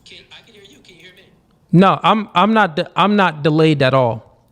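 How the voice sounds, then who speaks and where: A man's voice: on the high side, expressive, moderate pace, fairly bright tone. Laid-back male stream host. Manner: laid-back, calls people man. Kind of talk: casual livestream chat. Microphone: online call mic.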